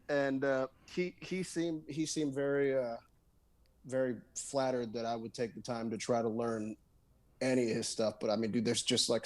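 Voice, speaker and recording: A man guesting on a podcast, talking in a loose, rambling way with lots of fillers, restarts and "dude". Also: mid-range voice. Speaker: guest guitarist and songwriter. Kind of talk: casual podcast conversation.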